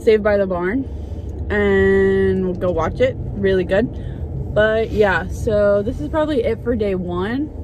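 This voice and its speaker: A young adult woman vlogs a road trip, chatting upbeat to a phone held at arm's length both in the car and outdoors. Her mid-range voice moves at a measured pace in casual travel narration. The sound is lo-fi, with noisy car and street background.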